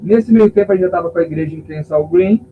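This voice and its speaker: A male pastor with a high, fast voice tells an emotional testimony during a podcast interview, acting out the voices of people in his story. The sound is tinny and phone-like, with a faint hum.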